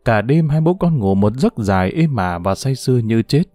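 A man narrating a novel in a measured, expressive storytelling voice. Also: medium pitch, no room sound. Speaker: audiobook narrator. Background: faint background music.

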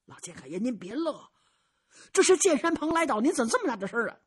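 A woman's voice: sits high, big pitch swings, fast, slightly rough, heavily acted. A woman voicing a courteous young male fortress chief who addresses his elder respectfully. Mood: polite. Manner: courteous, eager questions.

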